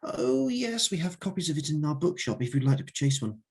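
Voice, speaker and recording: Young Eastern European woman, flat and dismissive, raised and husky, as a man puts her on. Festival volunteer. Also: on the high side, fairly quick, pitched above the performer's own voice, exaggerated voice. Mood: curt. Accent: thick Eastern European, put on. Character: young female festival volunteer, vacant and curt.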